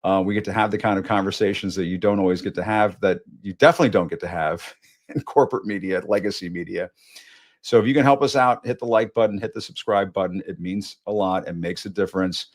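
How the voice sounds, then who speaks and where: Emphatic male host, lowish voice. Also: fast. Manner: conversational, emphatic, swearing. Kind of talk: live news show sign-off. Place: Washington studio.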